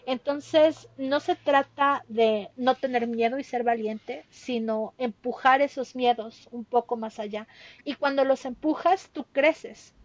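A woman's voice: high-pitched, a little slow, dry recording, lo-fi sound. A Mexican woman in her thirties, a guest telling her travel story in a casual interview, with many fillers and tag questions.

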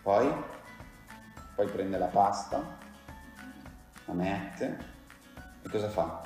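A woman's voice: rumbling low, very slow, dark tone. A woman playfully questioning a child in a mock casting, teasing and encouraging. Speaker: interviewer of children. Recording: very echoey room with faint music.

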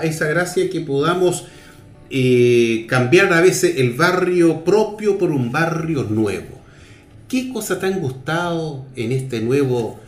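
A man hosts a radio talk show, his questions long and wandering. His pitch swings widely as he talks. The room rings with echo. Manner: expressive, rambling questions. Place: radio studio.

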